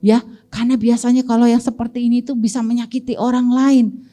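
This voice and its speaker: Soft music plays behind this Indonesian-accented Sunday school teacher as she tells the children a Bible story at a fairly quick pace. Her voice sits on the high side, and she's lively, posing questions to the kids and answering them.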